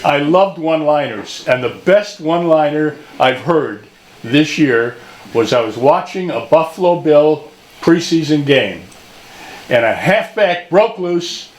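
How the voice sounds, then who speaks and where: A man tells jokes in a short thank-you speech. His fairly high voice swings in a lively way, recorded in an echoey room. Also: measured pace. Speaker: honoree giving short speech.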